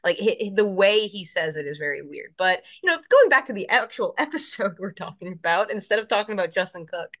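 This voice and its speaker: A woman's voice: medium pitch, sing-song, fairly quick, few pauses, a bit bright. A woman co-hosting an anime rewatch show, chatting animatedly and tossing in fan trivia. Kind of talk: casual reaction chat.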